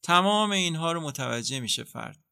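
A man speaking as a psychotherapist in an interview, calmly explaining how treatment works and acting out what a therapist says. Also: a little high, vocal fry, smooth, no room sound, studio quality. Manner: calm, explanatory, acts out therapist dialogue. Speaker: psychotherapist guest.

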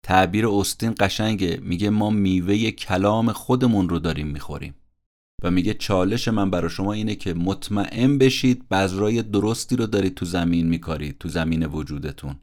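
A man's voice: deep voice, darkish tone. A man hosting a podcast, summarizing a self-help book in a conversational, earnest and motivational way, acting out the people he quotes.

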